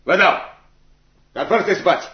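An actor playing a curt, sullen older innkeeper in a radio play, speaking slowly and formally. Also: male voice, high-pitched, expressive. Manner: curt, then slow and formal. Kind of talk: radio drama acting. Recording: dull lo-fi radio recording, echoey.

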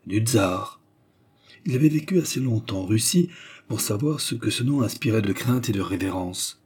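A man narrating an audiobook in a steady, measured storytelling manner. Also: lowish voice, breathy edge. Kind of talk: audiobook reading.

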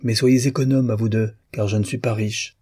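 Guy doing a teasing ironic doctor, kinda husky, dry close sound. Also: on the low side, fairly even intonation, moderate pace, mellow, no room sound. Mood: wry. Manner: bantering, ironic. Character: wry amused male doctor, teasing and generous.

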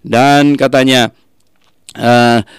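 A man's voice: mid-range voice, little pitch movement, drawn-out words, clean tone, no echo. A man teaching from the Bible in a sermon, tagging his sentences with "ya" and acting out the voices in the story. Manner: frequent "ya" tags, acts out quoted voices.

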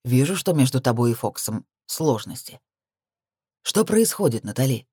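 A stern, fatherly military commander speaks in a gruff, lowered, measured way, as a woman reading an audiobook puts him on. The voice sits deep and dark for the figure. The sound is dry and close, with no room around it. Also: big pitch swings, dry recording, heavily acted.

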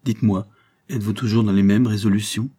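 A man reading the part of a suave male guardian and lawyer, measured and persuasive. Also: fairly low pitch, steady tone, warm tone, breathy edge. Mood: smooth. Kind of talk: audiobook character reading.

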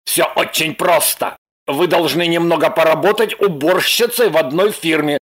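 A demanding man on the run in an audiobook, as voiced by a male actor. His voice is husky and slightly high, and he talks in blunt, insistent orders. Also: moderate pace, a bit bright. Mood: insistent, bossy. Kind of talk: audiobook character voice.

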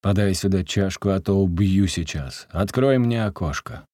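A man reading a story aloud, voicing a drunk peasant man who wails, weeps and threatens in a slow, drawn-out way. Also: sits low, no echo, clean studio sound. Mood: drunk threatening. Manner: wailing, shouting, drawn-out. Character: drunk, grief-crazed peasant man, weeping and menacing.

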